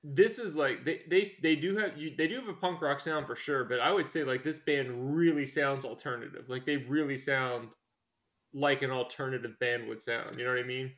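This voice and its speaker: A man's voice: mid-range voice, moderate pace, a bit bright. Casual swearing man co-host. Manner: casual, swears, filler-heavy. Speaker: podcast co-host. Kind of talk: casual chat.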